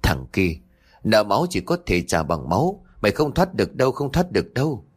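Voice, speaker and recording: A man voicing a vengeful female spirit with a raspy voice that hisses through clenched teeth. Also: fairly low pitch, very animated, brisk. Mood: menacing. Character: vengeful female spirit possessing a wife, murderous.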